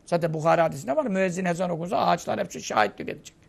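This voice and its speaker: A male preacher giving a storytelling sermon, reciting Arabic phrases and explaining them, acting out cries and dropping to low murmurs. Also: rapid-fire, creaky. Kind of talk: religious talk.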